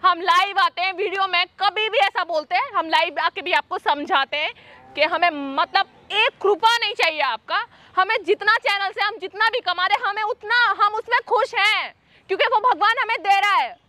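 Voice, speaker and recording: A woman YouTuber vents straight into the camera, indignant and swinging between pleading and threats. Her voice sits very high and rings bright and forceful. She keeps it a direct, emotional address to her viewers. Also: moderate pace, no echo.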